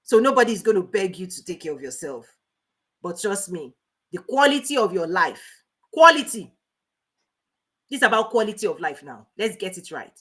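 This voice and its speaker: A woman hosting a motivational livestream as a life coach, talking fast and emphatically, repeating key points and greeting viewers by name. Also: mid-range voice, big pitch swings, a bit bright, slightly rough. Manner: speaking fast.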